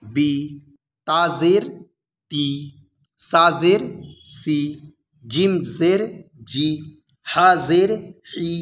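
A man teaching Quran reading, drilling letters slowly and asking and answering his own questions. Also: a little high, fairly bright tone. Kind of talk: slow recitation lesson with drills.

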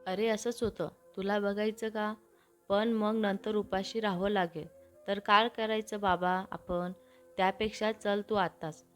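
A woman's voice: mid-range voice, steady tone, measured pace, faint music behind, close to an everyday voice. A woman voicing a young man who teasingly coaxes his younger brother out of bed in a storybook reading. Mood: coaxing. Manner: teasing, coaxing.

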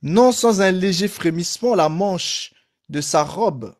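A man's voice: sits high, slow pace. A man teaching through a story he reads aloud on a live stream, with asides to his viewers. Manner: animated, addresses the audience directly.

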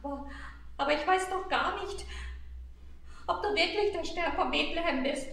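A woman's voice: very high-pitched, creaky, fairly bright tone, heavily acted. A woman voicing a small, timid shepherd boy who stammers and sobs as he speaks. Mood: doubtful. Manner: sobbing, halting, stammering. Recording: very echoey room, mic far off.

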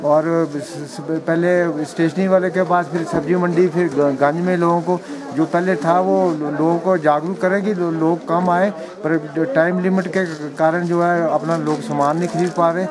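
A man in his fifties with an Indian accent, speaking earnestly and haltingly in a street interview at an outdoor market. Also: a little high, fairly even intonation, poor audio. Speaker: interviewed resident. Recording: busy street crowd noise. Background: street crowd.

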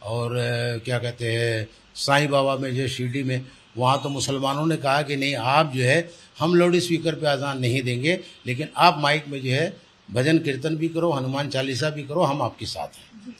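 In a news interview, an older man lays out his stance, repeating words to stress his points. He speaks at medium pitch in a steady, fairly bright tone at a moderate pace. The setting is a small indoor office, with a handheld reporter's mic held close picking up clear audio and some room noise.

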